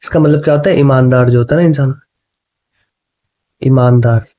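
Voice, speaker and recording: A man's voice: mid-range voice, fairly even intonation, warm tone. A man teaching exam questions, speaking Hindi, chatty and often checking in with his students. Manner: chatty, repeats "ठीक है", reads options slowly. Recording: dull lo-fi sound.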